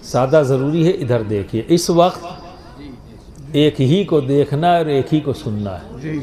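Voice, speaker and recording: A man's voice: fairly high pitch, lively intonation. A man preaching a sermon to a large gathering, asking questions and pushing the audience to answer aloud. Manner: rhetorical, coaxes the crowd to answer aloud. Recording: echoey venue with loud crowd.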